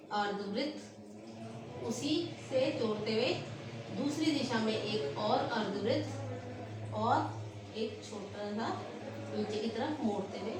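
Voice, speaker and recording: A woman teacher giving an online lesson to small children, explaining slowly and step by step and stressing sounds when she demonstrates them. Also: mid-range voice. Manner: slow, careful, explains step by step. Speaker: nursery Hindi teacher. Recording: echoey room, recorded from a distance, with noise.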